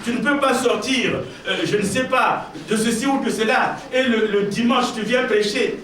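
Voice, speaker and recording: A man's voice: very high voice, fairly bright tone. A man preaching a sermon as pastor, emphatic and repeating his key phrases while addressing the congregation directly. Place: church hall. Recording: very echoey church, mic far off, faint noise.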